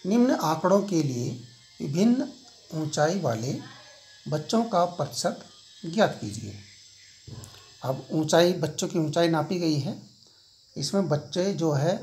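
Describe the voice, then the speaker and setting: A man's voice: on the high side, a little mellow, slight background noise. A middle-aged man teaching a school maths lesson, repeating key points and asking his students questions as he explains.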